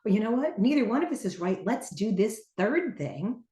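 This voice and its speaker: An older woman talking earnestly and reflectively as a podcast guest, stressing her points with lively emphasis. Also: mid-range voice, moderate pace, reverberant. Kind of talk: casual conversation.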